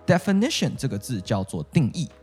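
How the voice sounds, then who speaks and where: A man with a Taiwanese Mandarin accent co-hosting a podcast that teaches English, chatting playfully and spelling words out slowly. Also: mid-range voice, big pitch swings, darkish tone, faint music behind. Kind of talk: casual bilingual chat.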